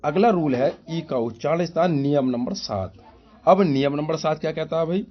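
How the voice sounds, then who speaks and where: On a lo-fi recording, a man with a slightly high voice runs a classroom-style spoken lesson on English pronunciation at a normal speed. He drills his listeners, calling them brother and repeatedly asking himself rhetorical questions.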